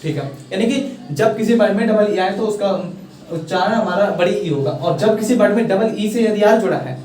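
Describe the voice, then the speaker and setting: With lively intonation and a darkish, high-pitched voice at a moderate pace, a young man teaches English in a Hindi accent. He casually explains a pronunciation lesson, often checking that students follow, coaxing and encouraging them and repeating "thik hai" often. His voice comes from far off in an echoey room.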